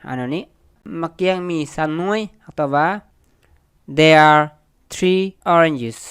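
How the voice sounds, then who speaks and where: Lao-accented teacher for a beginner English lesson; slow, careful delivery and a smooth voice, each word said twice. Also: mid-range voice, a bit bright, no room sound, clean studio sound. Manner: repeats each English word slowly and clearly.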